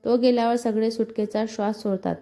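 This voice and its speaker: A woman with a Marathi accent reading a scripted story aloud, voicing all the characters' lines in her own even narrating voice. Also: on the high side, a little fast. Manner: reads all parts in one even narrating voice.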